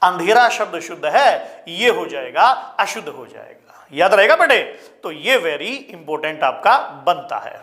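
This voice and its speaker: A man teaching a spelling lesson to exam students, repeating each word slowly and calling his listeners children. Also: a little high, sing-song, fairly bright tone. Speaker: Hindi teacher.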